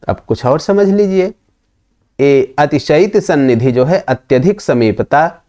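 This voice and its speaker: A man's voice: mid-range voice, darkish tone. A man teaching Sanskrit grammar in a patient lecture, asking questions and answering them himself. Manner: patient, repeats and questions to explain. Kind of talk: explanatory lesson.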